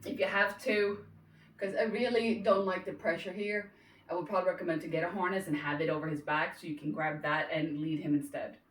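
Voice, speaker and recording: Fairly quick and steady in tone, a woman with a lowish voice talks casually through a dog training session. Her explanations get interrupted by praise and cues for the dog. It's recorded in a roomy space from a distant mic, with faint noise.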